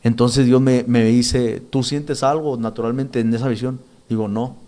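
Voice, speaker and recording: Casting: male church minister, mid pitch, earnest, stop-start testimony delivery. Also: fairly even intonation, mellow. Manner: earnest, halting, with many restarts and repeated words. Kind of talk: spoken testimony.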